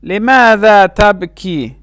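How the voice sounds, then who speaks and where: A man teaching a language lesson, saying short phrases slowly and carefully and repeating each word. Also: sits high, lively intonation, fairly bright tone, dry recording, studio quality. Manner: slow, careful pronunciation with repeated words.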